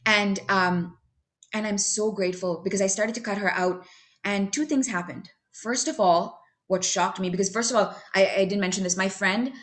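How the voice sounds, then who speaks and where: Woman, recovery meeting share, chatty and candid, self-mocking, filler-heavy, mid-pitched voice. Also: steady tone, moderate pace, a bit bright. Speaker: member sharing at a recovery meeting. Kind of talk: personal recovery testimony.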